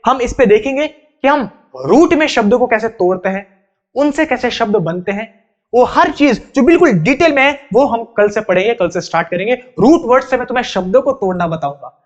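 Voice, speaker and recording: A man's voice: very high-pitched, lively intonation, a little fast. A man teaching an exam-prep vocabulary lesson, chatty and repetitive, calling his students brother. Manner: chatty, repetitive explaining, addresses students as bhai. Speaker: English teacher. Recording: dull lo-fi recording.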